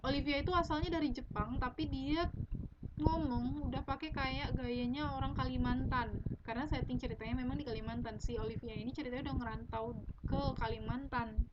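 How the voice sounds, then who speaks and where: A woman's voice: high-pitched, steady tone, a little fast. A young woman editing her own novel on a live stream, reading her draft aloud and chatting about it. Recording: dull lo-fi audio with loud background noise.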